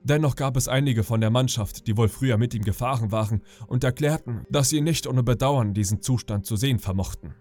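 A man calmly narrating an audiobook meant for falling asleep. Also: mid-range voice, brisk, hardly any pauses, faint music behind. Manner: calm, even storytelling. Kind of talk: calm audiobook reading for sleep.

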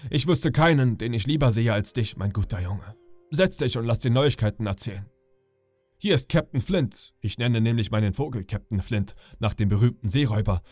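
A man's voice: mid-range voice, lively intonation, normal speed, a little mellow, dry recording, soft background music, lightly acted. A man voicing a friendly, talkative old ship's cook in a sleep audiobook, genial and boastful. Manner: genial, chatty, boastful storyteller. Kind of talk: audiobook character reading.

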